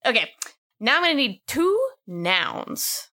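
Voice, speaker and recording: Bright, high-voiced woman hosting a word game. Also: very animated, slow. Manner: playful, prompting the others for words. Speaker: host running a word game. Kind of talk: casual podcast chat.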